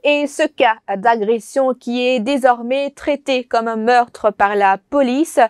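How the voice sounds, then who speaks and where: A woman's voice: fairly high pitch, clear, resonant tone, no echo, clean studio sound. Woman reading the evening news. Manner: measured formal delivery. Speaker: news anchor.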